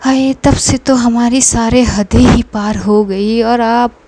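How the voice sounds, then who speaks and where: A woman's voice: on the high side, steady tone, slow pace, dark tone, slight background noise. A woman voicing a bold, teasing young woman in love, talking back with playful defiance in a narrated story. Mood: cheeky. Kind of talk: narrated story with acted dialogue.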